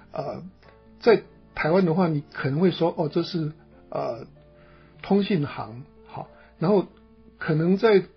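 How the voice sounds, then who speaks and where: Gravelly, husky man lecturing with a Taiwanese accent. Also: fairly high pitch, dull audio. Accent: Taiwanese Mandarin. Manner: frequent filler particles, explanatory and digressive. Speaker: teacher. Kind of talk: spoken lecture.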